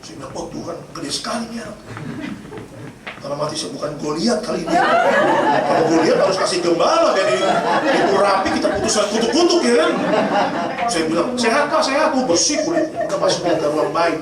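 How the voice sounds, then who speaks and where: Male pastor, high-pitched, jokey storyteller; distant mic in a booming hall. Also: wildly swooping pitch, a little fast, a loud crowd. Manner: storytelling with humor, addresses congregation as Bapak Ibu. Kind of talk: sermon. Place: church. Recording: echoey church hall from far off, noisy.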